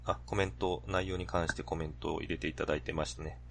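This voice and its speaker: Deep gravelly co-host guy, talks fast, a little background hiss. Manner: attentive listener, steady short acknowledgements. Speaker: podcast co-host. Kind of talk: casual podcast talk.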